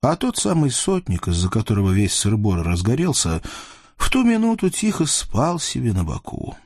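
A man's voice: medium pitch, huge pitch swings, moderate pace, a little mellow, husky, no echo, studio quality. A man narrating a fairy tale in a playful, folksy way, addressing the readers. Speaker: storyteller. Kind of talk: expressive audiobook narration.

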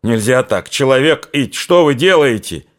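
A man's voice: mid-range voice, expressive, moderate pace, pitched above the performer's own voice, natural voice. A man voicing an earnest rustic Cossack soldier who speaks in folksy, impassioned phrases, in an audiobook reading. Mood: pleading.

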